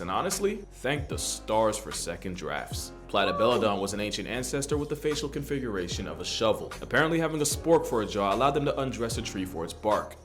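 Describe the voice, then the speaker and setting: A man narrating a nature video from a comedic script in a wry, irreverent manner. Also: mid-range voice. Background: guitar music.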